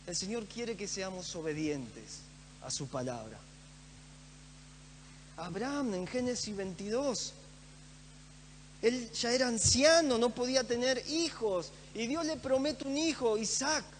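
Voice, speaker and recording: A man's voice: very high voice, expressive, a little slow, pauses often. A man preaching a sermon in a church, earnest and emphatic, repeating phrases for stress. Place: church hall. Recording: echoey church hall with faint hum.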